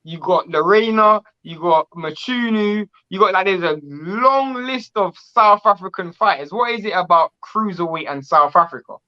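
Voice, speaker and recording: A man's voice: high voice, moderate pace, few pauses, highs cut off. A man hosting a casual boxing interview, asking rambling, enthusiastic questions with restarts. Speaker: boxing channel host.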